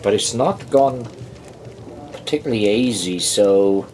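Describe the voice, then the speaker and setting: A man giving a casual whisky tasting review, talking in a rambling, halting way with many pauses and restarts. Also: lowish voice, expressive, a little mellow, a little hiss or hum, poor audio. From United Kingdom. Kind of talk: casual tasting review with a joke told aloud.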